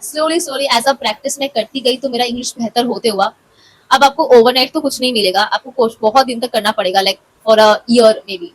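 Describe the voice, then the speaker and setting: A woman's voice: on the high side, normal speed, husky, rough recording. A young woman candidly sharing her own experience as casual advice, correcting herself as she goes.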